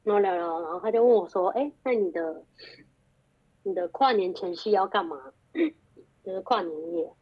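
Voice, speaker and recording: A woman's voice: medium pitch, moderate pace, long pauses, breathy edge. A young woman, telling a story in a casual chat and acting out the quoted lines with animation. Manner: animated, acts out quoted dialogue. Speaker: guest. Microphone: group phone call. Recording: muffled lo-fi call audio.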